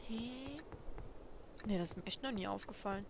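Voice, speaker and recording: A woman commenting casually on a game she plays, quietly musing aloud and asking herself questions. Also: medium pitch, moderate pace, creaky. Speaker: let's play host. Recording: audible background noise.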